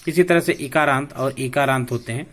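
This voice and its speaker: A man teaching a slow, deliberate grammar lesson for young schoolchildren, spelling out sounds. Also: mid-range voice, a bit bright. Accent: Hindi.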